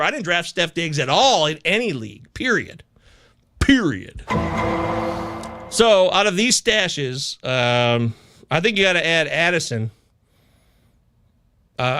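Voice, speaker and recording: A man hosts a casual live advice chat in a stoned, loose stoner drawl. His voice sits high for a man and swings up and down freely. He stretches out words and repeats his picks for emphasis. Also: bright, forceful tone. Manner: emphatic, repeats himself for stress. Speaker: host of a fantasy football advice live chat. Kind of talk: casual live chat commentary, answering viewers' questions.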